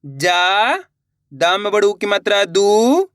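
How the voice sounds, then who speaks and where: A man's voice: high voice, lively intonation, slow pace, a bit bright, clean tone, no room sound, clean studio sound. A man teaching a reading lesson, sounding out each word syllable by syllable and stretching the long vowels, talking to viewers in an encouraging way. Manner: addresses viewers as friends, encouraging.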